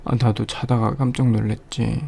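A man in a whispered role-play, playing a caring boyfriend who soothes his girlfriend after a nightmare, speaking gently and softly into a close mic. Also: medium pitch, flat delivery, normal speed, a little hiss or hum. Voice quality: soft, breathy, dark and gravelly.

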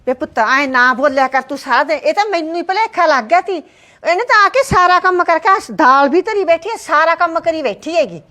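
A woman's voice: very high-pitched, animated, a little fast, bright, forceful tone, heavily acted. A woman playing an older village mother-in-law who frets and sighs, kind to her daughter-in-law. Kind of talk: short film acting.

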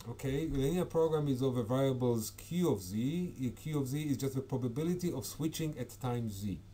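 A man's voice: mid-range voice, animated, brisk, warm tone, slightly rough. A man giving an academic conference talk over slides, hesitant, with frequent fillers and self-corrections. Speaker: conference presenter.

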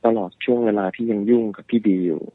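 A man's voice: fairly low pitch, fairly even intonation, fast talker, no room sound. A man calling in to a radio show and casually telling a ghost story he heard from someone else, sometimes acting out frightened voices. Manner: acts out frightened voices in quotes. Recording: tinny phone line.

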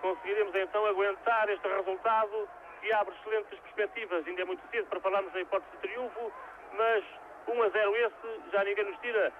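A man with a European Portuguese accent giving measured, formally worded live football commentary. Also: sits high, steady tone. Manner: formal, wordy phrasing. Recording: tinny, very noisy 1980s TV broadcast. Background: loud stadium noise.

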